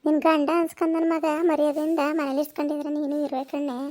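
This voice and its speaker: Woman doing a shrill, scolding village mother-in-law, old and quarrelsome, comedy skit. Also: flat delivery, quick pace, warm tone, close to an everyday voice. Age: older. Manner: scolding, then wailing in a high pitch. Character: nagging elderly mother-in-law, sharp-tongued and whiny.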